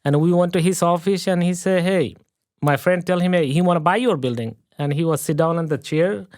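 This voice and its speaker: A man's voice: sits high, brisk, darkish tone, dry recording, studio quality. A middle-aged man from Bangladesh, a plumber and investor, telling his story in earnest broken English as a podcast guest. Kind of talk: casual interview chat.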